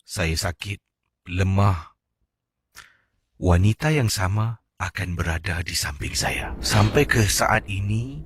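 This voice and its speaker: A man hosting late-night radio, reading a listener's ghost story in a measured, storytelling way. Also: on the low side, a bit bright.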